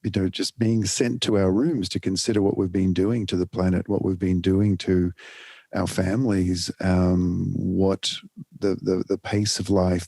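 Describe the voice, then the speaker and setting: Pausing and restarting as he considers his words, a middle-aged American family counselor talks in a podcast interview. He speaks low with vocal fry and a mellow quality, in clean studio sound with no room reverb.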